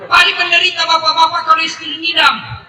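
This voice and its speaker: High-voiced joking preacher. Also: male voice, fairly quick. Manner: jokey, animated, bursts into shouting. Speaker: Islamic preacher. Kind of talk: humorous sermon. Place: public gathering with live audience. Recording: echoey and distant with crowd noise. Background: audience laughter and ambient noise.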